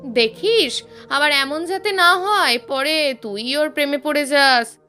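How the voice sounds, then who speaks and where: A woman's voice: high-pitched, slow pace, pushed and bright, faint music behind, voice pushed up, exaggerated voice. A woman voicing a teasing, coaxing middle-aged mother.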